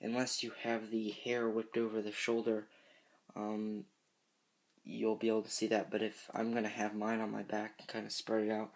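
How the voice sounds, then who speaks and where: A man's voice: fairly low pitch, completely flat delivery, normal speed. A fifteen-year-old boy giving a casual, unscripted review in a hesitant, rambling way, often correcting himself. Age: teenager, fifteen. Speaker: reviewer of horror movie masks.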